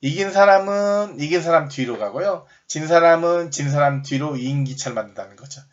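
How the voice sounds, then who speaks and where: A man teaching recreation games in a recorded lecture, explaining step by step, rephrasing often and shouting sample game calls. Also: a little high, a little fast, lo-fi sound. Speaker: recreation instructor.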